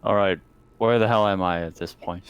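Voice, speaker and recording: Very deep-voiced, sweary male gamer. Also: fairly even intonation, moderate pace, smooth. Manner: sweary, informal. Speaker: tabletop game player. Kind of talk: casual gaming chat.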